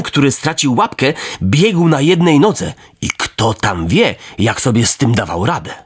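A man narrating a storybook in an expressive, dramatic reading style. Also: mid-range voice, husky.

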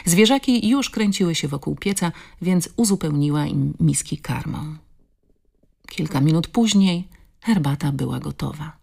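A woman reading a novel aloud in scripted narration. Her voice sits very low with a gravelly fry, and she keeps a measured, steady pace. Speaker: audiobook narrator.

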